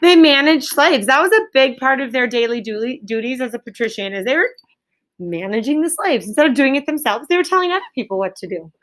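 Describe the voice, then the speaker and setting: This high-voiced elementary teacher runs her lesson in a brisk, animated way, her tone a bit bright. She fires directive questions at the pupils in the classroom and echoes each answer to confirm it.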